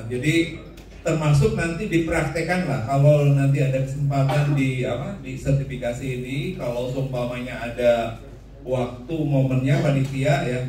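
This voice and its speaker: A man's voice: mid-range voice, darkish tone. A man teaching a class, joking and asking the room questions. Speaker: instructor. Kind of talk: classroom lecture with audience questions. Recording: echoey room, voice from far off the mic.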